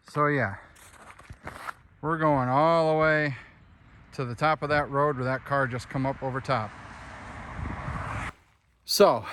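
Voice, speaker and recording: A young man walking outdoors up a hilly rural road, out of breath and chatting casually to viewers as he films himself. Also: mid-range voice. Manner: chatty, addresses viewers as friends and dudes. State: out of breath, winded. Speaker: vlogger. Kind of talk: casual walking vlog narration.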